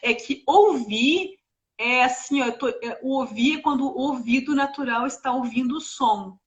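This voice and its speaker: High-voiced woman, animated live chat. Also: normal speed, muffled recording. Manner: animated, talks through ideas with examples and asides. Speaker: co-host of a parenting live stream. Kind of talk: casual explanatory live chat.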